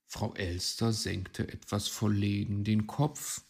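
A man reading a children's story aloud in a slow, expressive storytelling manner. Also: fairly low pitch, gravelly, breathy edge.

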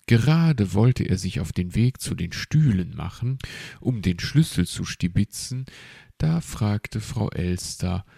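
A man reading a children's story aloud with expressive, unhurried storytelling. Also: fairly low pitch, vocal fry, husky, no room sound, clean studio sound. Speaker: narrator.

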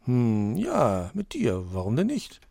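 A man voicing a calm clever mother tortoise. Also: medium pitch, takes it slowly, vocal fry, no room sound, studio quality, heavily acted.

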